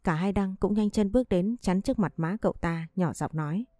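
A woman reading a family drama story aloud in a steady storytelling voice. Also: mid-range voice, fairly quick, no room sound. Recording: dry close voice with faint music behind.

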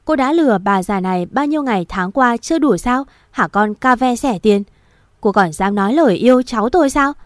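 A woman's voice: fairly high pitch, lively intonation, normal speed, no room sound, studio quality, natural voice. A woman voicing a scornful rich old grandmother. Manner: scolding, shouting insults. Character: scornful wealthy old grandmother, furious and contemptuous. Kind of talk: audiobook story reading.

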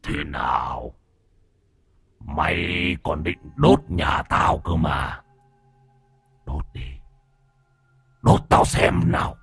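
A man voicing a cruel, vengeful male demon in a horror story, speaking in a low, menacing drawl. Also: expressive, very slow, long pauses, breathy edge, dry recording, full character voice. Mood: taunting.

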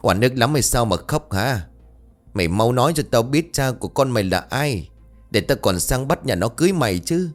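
A man's voice: on the low side, lively intonation, fairly quick, soft background music, natural voice. A man voicing a harsh middle-aged village stepmother who shrieks insults and wails. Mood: scolding.

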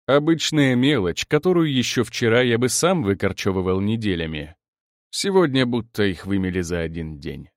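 A man narrating a first-person audiobook in an expressive manner, sinking to a low murmur at tense moments. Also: no echo, studio quality.

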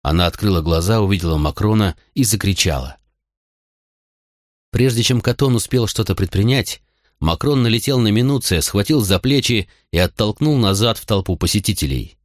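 A man narrating an audiobook with expressive storytelling. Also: lowish voice, normal speed, no echo, clean studio sound. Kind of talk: scripted narration.

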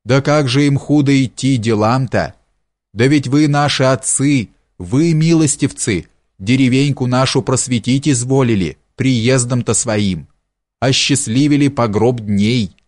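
A man's voice: medium pitch, unhurried, a little mellow, no echo, clean studio sound, lightly acted. A man voicing a tipsy, fawning old male village steward who gushes in a sing-song way. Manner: sing-song, gushing, servile.

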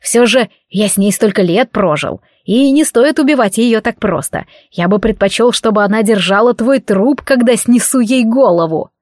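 Woman doing a sneering cruel count, slow and menacing, dry close sound. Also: fairly high pitch, lively intonation, darkish tone, no echo. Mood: sneering menace. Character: cruel vengeful male count, a swordsman.

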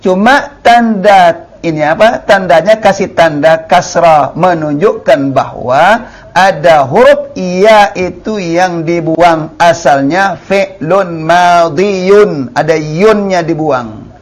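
A man's voice: high voice, slow pace. A man with an Indonesian accent teaching Arabic grammar, repeating key terms and drawing out the words he demonstrates. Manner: explains patiently, repeats key terms, drawls the words he models. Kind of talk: classroom grammar lesson.

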